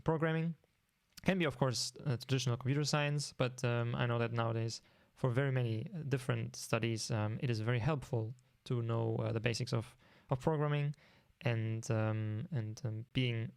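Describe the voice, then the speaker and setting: Hesitant German-accented male tutor, gravelly tone, mid pitch, dry recording. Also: no room sound. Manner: hesitant, many ums and restarts. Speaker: programming course instructor. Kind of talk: informal online lesson.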